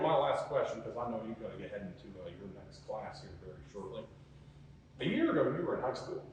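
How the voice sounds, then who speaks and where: A man with a fairly low voice hosts a campus tour in a halting, unscripted way. He is recorded at a distance in a very echoey space, with clear background noise. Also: a little mellow. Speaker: campus tour host and interviewer. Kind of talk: unscripted tour presenting and interviewing. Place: echoey indoor campus building. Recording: very echoey, distant mic, noisy ambience.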